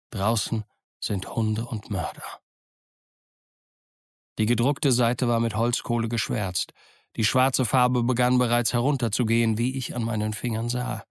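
A man reading a classic adventure novel aloud as a steady first-person narrator. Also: mid-range voice, no room sound, clean studio sound. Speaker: audiobook narrator. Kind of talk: scripted narration.

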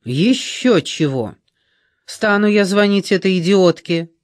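A man's voice: high voice, animated, slow, no echo, clean studio sound. A man reading an audiobook, voicing a frightened, angry old woman with scornful, indignant outbursts.

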